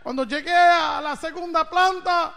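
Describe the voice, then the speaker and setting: A man preaching, telling a dramatic personal story with big swings in loudness and pitch. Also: measured pace, gravelly. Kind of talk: storytelling sermon. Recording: reverberant hall.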